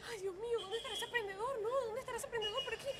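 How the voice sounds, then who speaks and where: An actress playing a proud, independent young daughter in a telenovela, talking in an indignant, pleading way. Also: female voice, very high-pitched, rapid-fire, a loud crowd. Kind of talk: telenovela acting.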